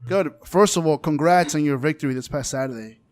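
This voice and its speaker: Upbeat male podcast host, higher voice. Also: a little fast, darkish tone. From Dominican Republic. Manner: enthusiastic, hype-style introductions. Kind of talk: casual interview.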